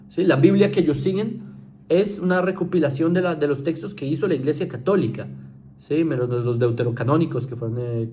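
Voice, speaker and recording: A man's voice: medium pitch, mellow, slight background noise. A man giving an informal spoken lecture to viewers, conversational, often checking in with "¿sí?" and restarting his sentences. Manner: conversational, keeps asking "¿sí?" to check understanding; frequent fillers and restarts, mocking mimicry.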